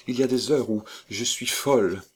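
A man's voice: mid-range voice, moderate pace, a little mellow, breathy edge, pitched above the performer's own voice, natural voice. A man reading aloud and voicing a proud, desperate young noblewoman in a veil, earnest and pleading.

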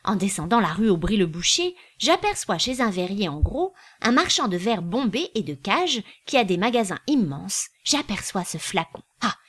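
Brief: a woman reading a proud, eager young shop clerk, spirited, lively pitch. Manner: eager, storytelling.

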